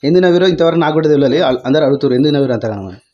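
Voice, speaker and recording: A woman's voice: deep voice, lively intonation, racing, dark tone. A woman chatting with relatives in a casual family vlog, teasing and asking questions. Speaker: vlogger. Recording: slightly dull lo-fi sound.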